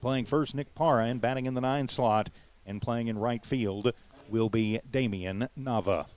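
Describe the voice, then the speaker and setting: A man calls a local baseball game play by play. He talks in an easygoing, chatty way and often laughs at his own mix-ups. His voice sits at an ordinary middle pitch. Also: normal speed, darkish tone. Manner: chatty, self-deprecating, laughs at himself. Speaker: play-by-play announcer.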